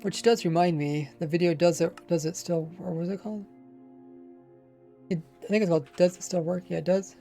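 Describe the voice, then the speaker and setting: Over soft background music, a man streams Minecraft and rambles in casual chat. His high, gravelly, dark voice holds a steady tone at a slightly fast pace, and his pronunciation is lazy, a touch mumbled, with a faint accent.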